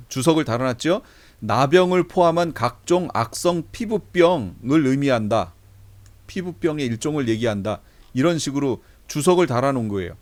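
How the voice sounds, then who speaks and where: Middle-aged male pastor, slightly high voice, conversational lecture style with deliberate readings. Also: darkish tone. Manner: conversational, reads verses slowly aloud. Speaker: pastor teaching a Bible class. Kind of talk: lecture, explaining Bible translations.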